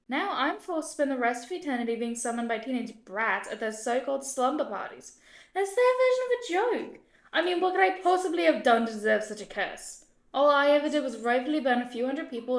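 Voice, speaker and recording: Woman voicing a high-voiced ghost queen, haughty and scornful, puppet play, roomy echo. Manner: scornful, imperious complaining.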